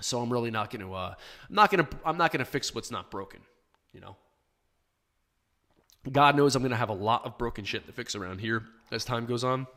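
Still hoarse and worn from shouting, the podcast host answers listener questions in a casual live chat from his small home studio, talking right into the studio microphone. His ordinary mid-range voice is bright and forceful, and he speaks briskly but pauses often, plainspoken and full of ums and restarts.

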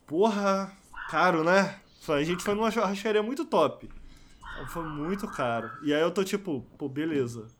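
A man's voice: high-pitched, moderate pace, fairly bright tone, a little hiss or hum. A young man chatting casually as a podcast guest, telling stories with lots of slang fillers. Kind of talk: casual chat.

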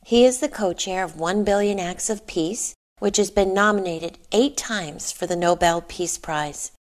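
A woman hosting a podcast, reading a slow, deliberate introduction and asking interview questions. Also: mid-range voice. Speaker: podcast host.

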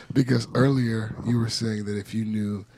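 A man's voice: mid-range voice, noisy background. A man hosting a casual chat, teasing and swearing freely. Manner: profane, teasing. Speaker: talk show host.

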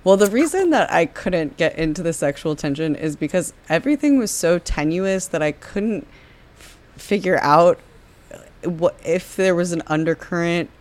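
A speaker on a movie podcast thinking out loud at length, posing questions and working through confusion. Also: mid-range voice, expressive, normal speed. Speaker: podcast co-host or guest. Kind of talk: casual movie-discussion podcast chat.

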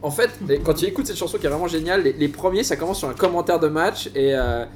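Enthusiastic higher-pitched man in a roomy space. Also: quick pace. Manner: enthusiastic, explanatory. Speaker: guest author on a football and music show. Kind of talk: casual discussion. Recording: roomy echo, faint background noise.

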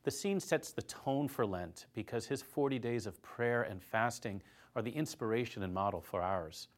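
A man speaking as a priest, giving a short, scripted Lenten-style reflection in a measured, earnest way with deliberate emphasis. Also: medium pitch.

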